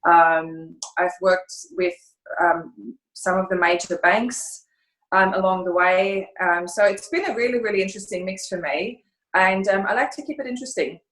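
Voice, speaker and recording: Speaking at a normal speed in a lowish, slightly bright voice, this consultancy founder from Germany pauses often and hunts for the right words. She's a middle-aged guest with a German accent on a video call, sitting by a fireplace in an echoey room at home.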